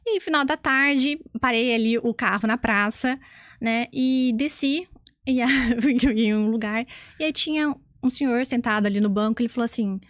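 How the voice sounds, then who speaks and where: A woman with a fairly high voice tells a story in a relaxed interview. She is animated, acts out the voices of the people in her story and laughs often. The recording is dry and close. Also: moderate pace, no echo. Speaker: guest, image consultant.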